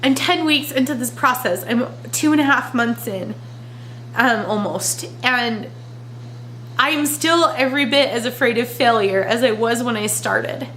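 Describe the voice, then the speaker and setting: A woman crying as she talks in a personal confessional vlog, halting and emotional as she searches for words. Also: a little high, a bit bright, a little hiss or hum, rough recording. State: crying, tearful. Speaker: vlogger.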